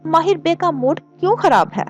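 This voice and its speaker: A woman's voice: extremely high pitch, big pitch swings, normal speed, faint music behind, voice pushed up. A woman voicing a mischievous young man who playfully teases his friend. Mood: teasing. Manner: teasing and playful.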